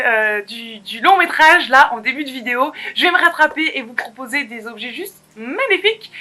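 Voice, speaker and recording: A woman's voice: high voice, pushed and bright. A woman vlogger chatting casually through an unboxing, bubbly and playful, talking straight to her viewers. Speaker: beauty vlogger.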